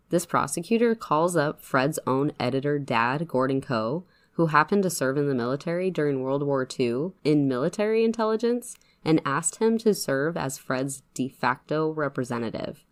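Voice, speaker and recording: A woman hosting a true crime podcast, telling the case in a chatty, profane way with sarcastic asides. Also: sits low. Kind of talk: casual true crime storytelling.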